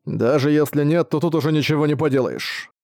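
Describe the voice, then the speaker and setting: A man's voice: fairly high pitch, a little fast, vocal fry, a little mellow, dry recording. A man voicing a male orc warrior who speaks in short, blunt questions, recorded dry. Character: brutal orc warrior, male, gruff and weary.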